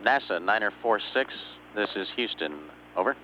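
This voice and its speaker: A man's voice: on the low side, animated, moderate pace. A man working as a mission control communicator, making brief procedural calls over walkie-talkie radio. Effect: radio transmission. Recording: narrow-band walkie-talkie radio, hum and beeps.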